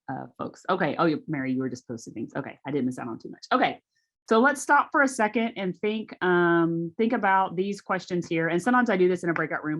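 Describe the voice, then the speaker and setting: A woman, giving a casual workshop presentation on a video call, chatty and conversational. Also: low voice.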